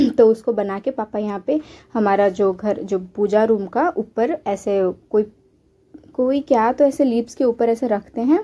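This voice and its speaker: A woman's voice: mid-range voice, mellow. A young woman from western Odisha chatting casually in a village vlog, mixing in English words. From western Odisha, India. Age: young adult. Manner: chatty, mixes in English words, many fillers. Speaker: vlogger. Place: outdoors in a village.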